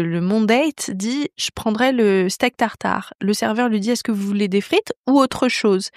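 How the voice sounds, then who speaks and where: A young French woman hosting a podcast, telling a personal story in a chatty, animated way with many fillers. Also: mid-range voice, no echo, studio quality. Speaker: podcast host. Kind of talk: storytelling monologue.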